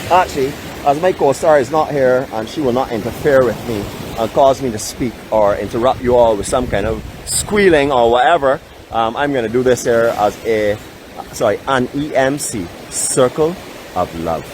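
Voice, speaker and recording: A Barbadian man in a mid-range voice talks at a moderate pace while hosting a live walking-tour vlog. Holding his phone as he walks outdoors by a beach boardwalk, he's chatty and full of self-mocking jokes. Outdoor street sounds run in the background.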